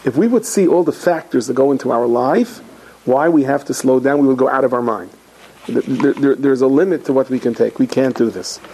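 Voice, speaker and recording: Middle-aged rabbi, gravelly and husky voice, animated storytelling sermon, slips into characters. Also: male voice, medium pitch, brisk, low-quality recording. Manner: animated, acts out characters in stories, frequent Yiddish and Hebrew terms. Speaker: rabbi giving a talk.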